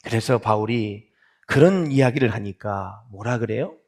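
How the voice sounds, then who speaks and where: A Korean pastor preaching in a church, swinging between loud exclaiming and soft near-whispered asides, asking the congregation questions and answering them himself. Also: male voice, on the low side, normal speed. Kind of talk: sermon. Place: church sanctuary.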